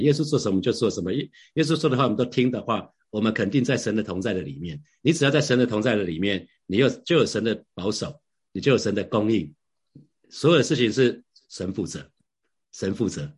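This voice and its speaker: A man's voice: fairly low pitch, breathy edge. A middle-aged man, a preacher giving a devotional Bible sharing in a conversational way, often repeating and restarting phrases and asking rhetorical questions.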